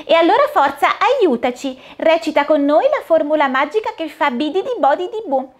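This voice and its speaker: A woman's voice: sits high, big pitch swings, moderate pace, voice pushed up. A woman voicing a bustling, cheerful fairy godmother who urges everyone on in a sing-song voice. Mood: bubbly, urgent. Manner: sing-song, urging and exclaiming.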